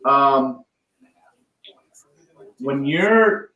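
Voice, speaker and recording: A man's voice: medium pitch, lively intonation, extremely slow, sharp tone. Man on a tinny tin-can remote mic. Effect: tinny tin-can sound from a poor remote microphone. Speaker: podcast co-host calling in remotely. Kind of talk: casual chat, then mock news-anchor commentary. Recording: echoey, dull lo-fi remote mic.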